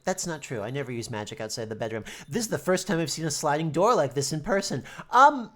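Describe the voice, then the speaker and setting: A woman's voice: lively intonation, fast talker, fairly bright tone. A woman from the United States playing and reading a game on stream, sarcastic and swearing freely in casual commentary. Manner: sarcastic, swears, jumpy pitch.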